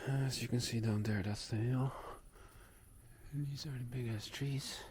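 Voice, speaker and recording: A man's voice: medium pitch, steady tone, a little slow, a little mellow, breathy edge. A man casually vlogging his cycle tour, rambling with fillers and restarts, recording outdoors on a handheld camera. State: out of breath. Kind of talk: casual travel vlog narration. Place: outdoors in woods at night.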